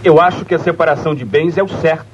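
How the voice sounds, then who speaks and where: A man's voice: a little high, fast talker, muffled recording, slight background noise, lightly acted. An actor playing a submissive young office employee who answers his boss meekly. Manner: meek, deferential.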